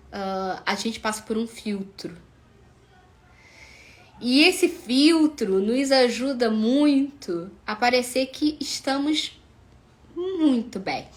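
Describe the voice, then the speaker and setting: A woman psychologist in her thirties, chatting to camera with lots of fillers and acted-out dialogue. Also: fairly high pitch. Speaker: psychologist and channel host. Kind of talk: casual talk to camera.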